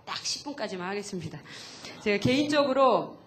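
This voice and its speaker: A woman's voice: medium pitch, expressive, brisk, a little hiss or hum. A woman, a pastor's wife, giving an earnest, chatty testimony at a church camp, full of fillers.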